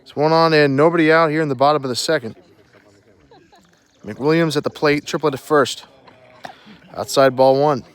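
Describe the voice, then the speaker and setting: A male play-by-play announcer with a voice a bit higher than most. He calls baseball live in short, clipped updates on each pitch and count. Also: steady tone, moderate pace, long pauses, clear, resonant tone.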